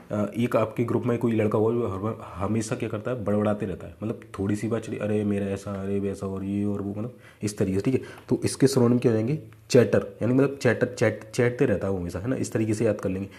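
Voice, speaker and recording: A young man teaches exam vocabulary in an easy, chatty way. His voice sits low and mellow, and he keeps asking his students whether they follow. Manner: conversational, repeats 'है ना' and 'ठीक है'. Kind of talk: casual Hindi lesson.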